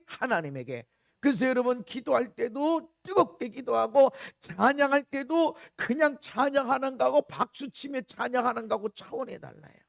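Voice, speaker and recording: A middle-aged man preaching a sermon as pastor, crying out prayers loudly and then dropping to low, quiet asides. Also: vocal fry, no echo, studio quality. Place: church sanctuary.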